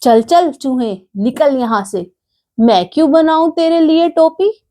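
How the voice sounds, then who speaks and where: Lady doing a rude storybook tailor, high and sneery. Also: slow pace, dark tone. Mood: scornful. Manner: scornful and dismissive.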